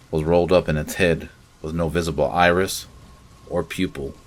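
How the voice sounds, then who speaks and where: A man narrating a scary story in the first person, with measured, dramatic storytelling. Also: very deep voice. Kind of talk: scripted horror story narration.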